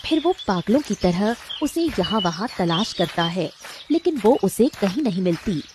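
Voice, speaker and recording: A woman narrating a children's cartoon story in an expressive, dramatic way. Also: medium pitch, moderate pace, background noise.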